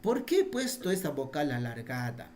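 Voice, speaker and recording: A man's voice: fairly high pitch, sing-song, moderate pace, over a noisy crowd. A man teaching a Quechua spelling class in Peruvian Spanish over a video call. He repeats his points patiently and quizzes his students. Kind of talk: online class, explaining spelling.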